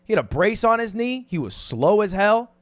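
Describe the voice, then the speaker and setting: A man giving animated opinion commentary in a blunt, exasperated manner, swearing often. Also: high-pitched, normal speed, dry recording. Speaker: online commentator.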